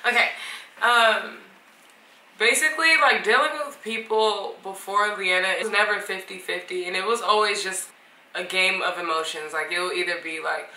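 A woman's voice: mid-range voice, steady tone, normal speed, sharp tone, roomy sound, recorded from a distance, low-quality recording. A woman co-hosting a vlog in casual chat, filling her talk with "like". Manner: chatty, heavy use of "like". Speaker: vlog co-host.

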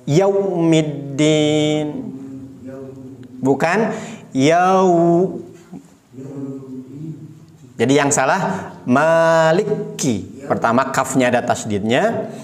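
Patient man teaching recitation slowly. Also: on the high side. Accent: Indonesian. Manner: patient, demonstrates words slowly and repeats corrections. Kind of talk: slow step-by-step recitation lesson.

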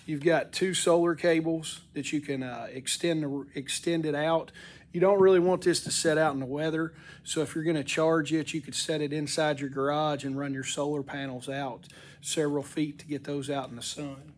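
A man's voice: a little high, fairly even intonation, moderate pace, slight background noise. A middle-aged man with a congested, cracking voice, giving a casual, folksy product walk-through in a plain-spoken way. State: congested, voice cracking from sinus infection and allergies. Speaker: product reviewer. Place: indoor wooden-shelved workshop.

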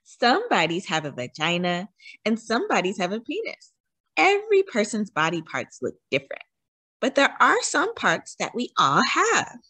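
Reading a picture book aloud to young children, a woman uses a medium-pitched, slightly husky voice whose melody rises and falls widely. She's expressive, keeps a moderate pace, and frequently asks her small listeners questions, with no echo in the recording.

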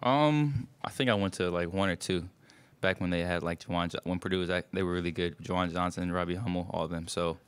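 Speaking into a table mic at a postgame press conference, a young college basketball player answers questions in front of a sponsor backdrop. His low voice is clean, and his replies come loose and fast in short bursts with lots of fillers.

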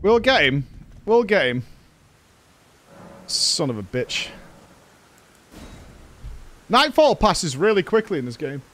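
Gamer streamer on a headset mic: high, swooping, foul-mouthed reactions. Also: male voice, slow, pauses often. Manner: excitable, swears often, talks back at the game. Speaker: livestreamer playing a video game. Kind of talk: live gameplay commentary. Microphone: livestream headset mic.

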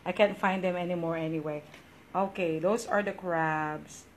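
Filipino woman host, unhurried casual mukbang chatter, light background noise. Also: lowish voice, fairly even intonation, low-quality recording. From Philippines. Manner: chatty, mixes English and Tagalog, laughs often. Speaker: vlogger. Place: home.

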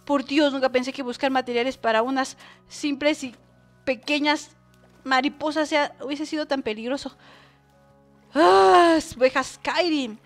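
Excitable woman narrating her gameplay. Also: high voice, normal speed, soft background music. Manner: excitable, bursts into shrieks and squeals; chatty, talks to viewers as she plays. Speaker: gaming channel host. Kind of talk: let's-play gameplay commentary.

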